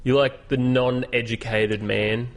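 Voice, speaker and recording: A man's voice: mid-range voice, little pitch movement, unhurried. A man, co-hosting a casual podcast, rambling through a game story with fillers and frequent laughs. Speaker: podcast co-host. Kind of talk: casual chat.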